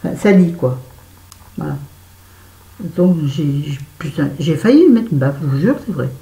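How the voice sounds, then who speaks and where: A woman's voice: low-pitched, lively intonation, normal speed, dark tone, reverberant, low-quality recording. A woman telling a story to her viewers in a casual vlog while doing her make-up, chatty and swearing freely. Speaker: vlogger. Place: bedroom at home.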